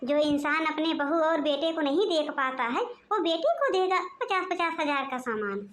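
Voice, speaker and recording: Woman voicing an impatient young husband, cartoon, curt and scolding, high voice. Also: expressive, normal speed, fairly bright tone. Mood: angry. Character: short-tempered young husband, suspicious son-in-law.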